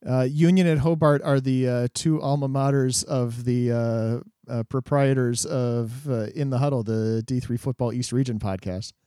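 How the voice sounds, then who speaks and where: A man's voice: mid-range voice, normal speed, hardly any pauses, clear, resonant tone, no room sound. Male podcast co-host, laid-back, dry studio sound. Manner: relaxed, hesitant fillers, chuckles. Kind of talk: casual sports podcast chat.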